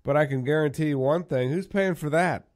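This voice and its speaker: A man's voice: a little high, brisk, darkish tone. Rambling older male talk host. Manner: rambling, restarts often, wry and sarcastic. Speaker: live-stream talk host. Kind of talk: casual talk radio chat.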